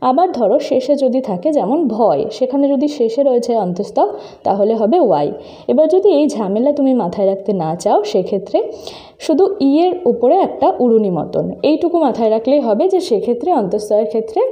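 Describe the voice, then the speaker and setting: A woman's voice: on the high side, animated, fairly quick, dark tone. A woman teacher patiently walking her students through a lesson step by step, speaking to them directly. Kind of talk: screen-recorded lesson explaining phonetic symbols.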